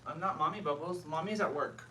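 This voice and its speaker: Hosting a casual stream at home, she is in her thirties and greets commenters by name as she does her makeup. She speaks a little fast in a low voice with a sharp tone, and there's a little hiss or hum.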